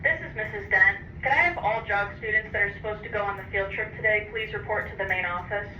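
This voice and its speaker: A woman on staff making a polite, formal announcement over a school intercom loudspeaker. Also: medium pitch, quick pace. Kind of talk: public address announcement. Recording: muffled, echoey, distant intercom with noise.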